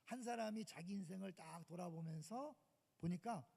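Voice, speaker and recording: Raspy high-voiced preacher in a church. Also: male voice, moderate pace. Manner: emphatic preaching, swings to loud outbursts and hushed asides. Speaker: senior pastor. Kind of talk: sermon. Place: church sanctuary. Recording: long church reverb.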